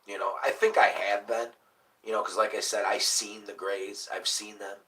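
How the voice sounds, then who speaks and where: A man in his late thirties chats loosely on his livestream, drifting from topic to topic and swearing freely. His lowish voice has a sharp, forceful edge. He sits back from the mic, with a faint hiss underneath. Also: level tone, moderate pace, far from the mic, poor audio. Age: late 30s. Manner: rambling, profane, laid-back. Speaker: livestream host. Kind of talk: casual livestream chat.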